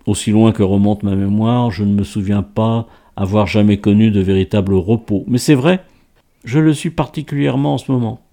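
A male narrator reads a first-person novel aloud. His voice is low and dark, mellow and warm. The delivery is measured and literary.

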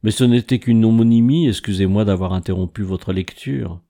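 A man's voice: fairly low pitch, fairly quick, mellow, natural voice. A man voicing a frail, haunted old composer who hesitates and breaks off with fillers, in a read-aloud story. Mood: hesitant.

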